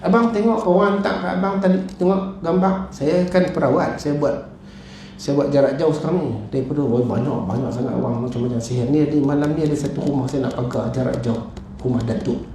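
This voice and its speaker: A middle-aged man with a Malaysian Malay accent, preaching in a lively mosque talk that jumps up and down in pitch as he acts out his stories. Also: fairly quick. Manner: animated storytelling, acts out his wife and callers. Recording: echoey hall with faint noise.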